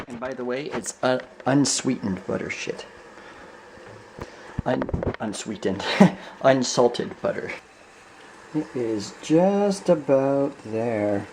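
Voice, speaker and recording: Young male vlogger, easygoing and jokey, average pitch, camera mic with light noise. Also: creaky. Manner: chatty and joking, laughs often. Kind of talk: casual vlog chat. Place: home kitchen and a store.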